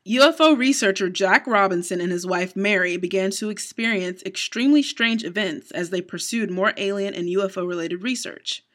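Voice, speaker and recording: A woman's voice: mid-range voice, moderate pace, hardly any pauses. A woman co-hosting a casual podcast, narrating paranormal stories from her notes with small stumbles and easy laughs. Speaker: co-host.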